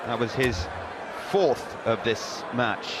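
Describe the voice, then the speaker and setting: A male darts commentator with a middling pitch analyses the play as it happens. He speaks in measured, clipped phrases, with the clear noise of a crowd behind him. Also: animated. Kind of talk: live sports commentary.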